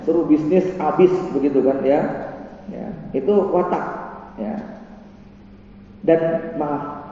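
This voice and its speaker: A man's voice: on the high side, takes it slowly, long pauses, slight background noise. A man giving a pre-marriage religious lecture, telling stories and acting out the voices of the people in them. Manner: animated storytelling, acting out quoted voices. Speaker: preacher. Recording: echoey hall, distant mic, dull sound.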